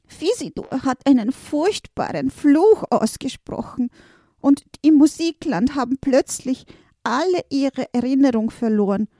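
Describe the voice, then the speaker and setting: A man's voice: extremely high pitch, animated, unhurried, warm tone, no echo, studio quality, voice pushed up. A woman voicing a small, round, panicky male note creature in a children's storybook, pleading frantically. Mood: desperate.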